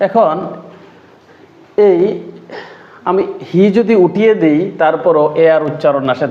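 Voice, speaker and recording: A man, an English tutor explaining grammar rules, who repeats key words slowly and asks and answers his own questions. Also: fairly high pitch, darkish tone. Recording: echoey, dull lo-fi room recording.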